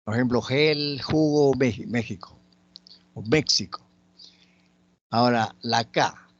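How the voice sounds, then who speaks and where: Slow, patient Spanish teacher, man. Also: medium pitch, no room sound, lo-fi sound. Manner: slow, patient, spelling out example words. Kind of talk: spoken grammar lesson.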